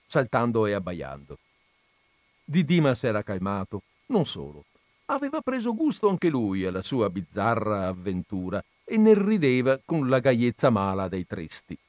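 A man narrating a literary story in an expressive reading voice. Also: lowish voice, dry recording. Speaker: reader.

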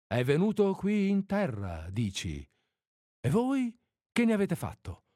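Casting: man reading as a calm alien visitor in a storybook, patient, teacherly, dry close mic. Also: sits high, unhurried, no room sound, voice pushed up, heavily acted. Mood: calm questioning.

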